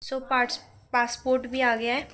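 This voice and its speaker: A young woman films a casual daily vlog at home, chatting to her phone camera while tutoring children and mixing English words into her speech. Her voice is a little high, fairly bright and flat in pitch, unhurried, with faint background noise.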